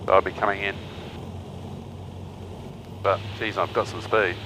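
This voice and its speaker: A man speaks through a cockpit headset intercom in a small plane. His voice sits low and he talks in halting bits, full of fillers. A faint hum of the aircraft is behind him. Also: little pitch movement. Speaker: student pilot. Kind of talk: practice emergency radio call.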